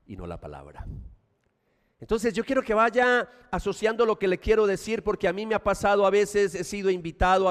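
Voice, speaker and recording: A man with a Colombian Paisa accent preaching a sermon as pastor, animated, with loud emphasis and quiet asides. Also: mid-range voice, big-room sound.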